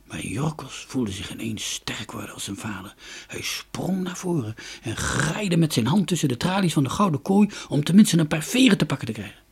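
Husky man reading a children's story. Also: on the high side, moderate pace. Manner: expressive, varying loudness and pace.

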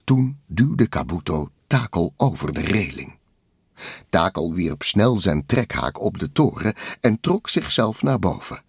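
A man narrating a children's storybook in a lively, expressive way. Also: sits low, a little slow, vocal fry, breathy edge, no room sound, studio quality. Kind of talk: storybook read-aloud narration.

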